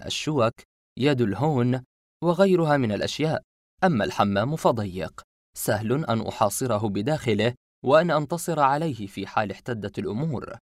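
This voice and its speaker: A male audiobook narrator tells a suspense story in a steady, measured voice at a middle pitch. He draws the listener along evenly from line to line. The sound is close and dry, with no room echo.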